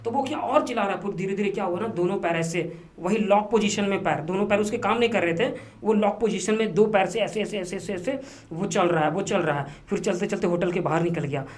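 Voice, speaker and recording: Podcast guest guy telling a story, lively, repeats himself a lot, drops english words in. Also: high voice, quick pace. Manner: animated, repetitive storytelling, mixing English words into Hindi. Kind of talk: casual storytelling interview. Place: podcast studio.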